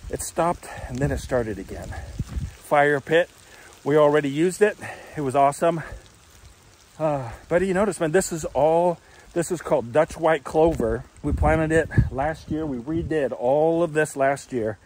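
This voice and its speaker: A man's voice: a little high, measured pace, slight background noise. A man in his forties with an American accent, chatting casually as he walks a homestead tour, filmed outdoors on a phone held at arm's length. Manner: relaxed, chatty, explaining as he goes. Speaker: homestead vlogger. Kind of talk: casual walking tour vlog.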